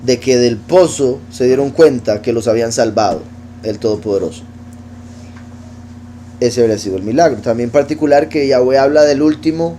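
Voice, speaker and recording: A man teaching a Bible study, reading verses aloud and slowly spelling out Hebrew words as he explains them. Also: mid-range voice, warm tone, slight background noise. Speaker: teacher of scripture.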